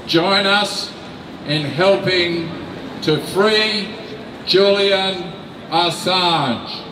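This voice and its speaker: Standing at a stand-mounted mic, an older Australian rally speaker works through his notes very slowly and deliberately, leaning hard on key words in a slightly high voice. The recording, taken from afar, carries echo across the open city square and faint noise in the background.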